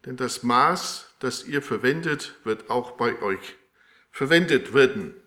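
A man preaching a sermon with a live demonstration, speaking in a halting way with many fillers and restarts. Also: medium pitch, expressive, sharp tone. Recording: echoey room.

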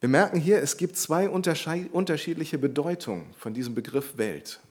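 A man's voice: fairly high pitch, animated, moderate pace. A man preaching a sermon, explaining a Bible passage in an earnest, teaching way and repeating key phrases for emphasis.

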